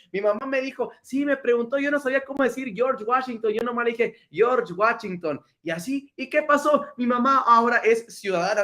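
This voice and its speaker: A man teaching a citizenship class in a lively, chatty way, repeating key words for his learners. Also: very high voice. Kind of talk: energetic online lesson.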